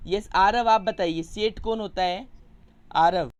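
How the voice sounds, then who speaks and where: A man's voice: sits high, slow pace. Patient male Hindi teacher on a video call. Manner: patient, coaxing, explains word meanings to children. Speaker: primary school Hindi teacher. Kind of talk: online class lesson.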